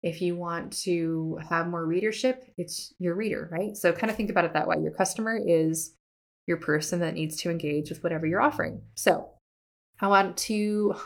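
On her art business podcast, this host and art educator talks to listeners in a relaxed, chatty teaching style, full of self-deprecating laughs and cheerful emphasis. She speaks at a moderate pace in a fairly low voice.

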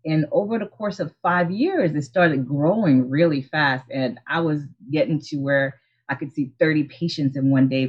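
A woman's voice: deep voice, breathy edge, lo-fi sound. A woman in her forties from Haiti, an optometrist, telling her story in an earnest, reflective way over a video call. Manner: earnest, reflective, with frequent restarts and soft laughs. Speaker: optometrist and practice owner, guest. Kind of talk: casual interview storytelling.

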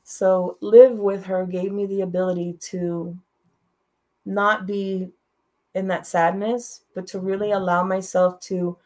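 A woman's voice: medium pitch, little pitch movement, measured pace, darkish tone. A middle-aged woman telling a personal story as a guest, in a direct and heartfelt way, repeating her phrases. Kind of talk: emotional storytelling.

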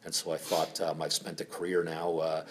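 A man's voice: a bass voice, completely flat delivery, normal speed. A middle-aged man from Finland telling his life story at a lunch meeting in a frank, rambling way with many fillers. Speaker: speaker at a member spotlight. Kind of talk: casual personal story.

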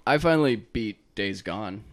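A man's voice: lowish voice, animated, moderate pace. A man in casual chat with friends, talking easily and laughing often.

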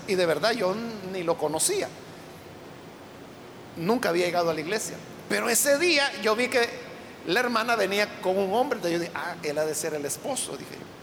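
Male preacher, sermon storytelling, asks the congregation questions, very high voice, long church-hall echo, faint rumble. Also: a bit bright.

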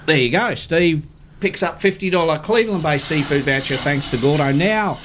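Higher-pitched Australian male radio host. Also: moderate pace. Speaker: radio fishing show host. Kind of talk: casual live radio chat. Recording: faint background noise.

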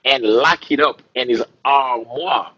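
A man's voice: medium pitch, measured pace, bright, forceful tone, husky, lo-fi sound. A man from Haiti, a musician, talking in a laid-back way with fillers and laughs in a casual interview. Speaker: musician guest.

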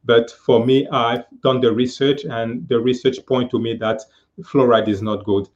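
A man in his fifties talks over a video call, earnest and halting, filling his pauses with "uh". His pitch sits in an ordinary middle range. The sound is a little dull and muffled, as video-call audio often is. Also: level tone. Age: 50s. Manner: earnest, halting with many fillers. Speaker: guest speaker. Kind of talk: casual live-stream interview.

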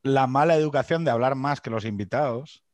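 A man's voice: medium pitch, brisk, dry recording. A man hosting a podcast, a father of three, chatting casually in a hesitant, thinking-aloud way. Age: young adult to middle-aged, father of three. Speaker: podcast host. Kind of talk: casual chat.

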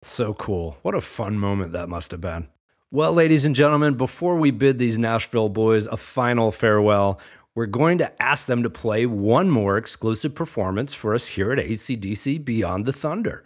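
A man's voice: on the low side, lively intonation, normal speed. A man hosting an interview, enthusiastic and polished like a presenter. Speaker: interviewer, show host. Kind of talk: podcast interview.

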